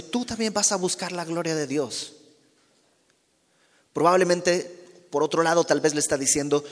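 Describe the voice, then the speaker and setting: Expressive preacher in an echoing hall. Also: male voice, on the high side. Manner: expressive, acts out quoted dialogue, drops to soft tones. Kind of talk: sermon. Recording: long hall reverb.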